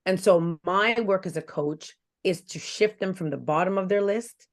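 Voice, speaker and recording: A woman's voice: medium pitch, moderate pace. A woman in her forties, a health coach guest on a podcast interview, speaking in an earnest, reflective way and often repeating phrases for emphasis. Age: 40s.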